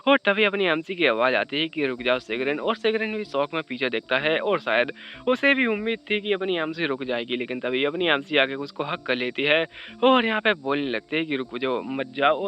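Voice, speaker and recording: A man's voice: fairly high pitch, expressive, fairly quick, few pauses, highs cut off. A man recapping a comic story in a casual, chatty way, adding teasing jokes between the plot beats. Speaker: manhwa explainer.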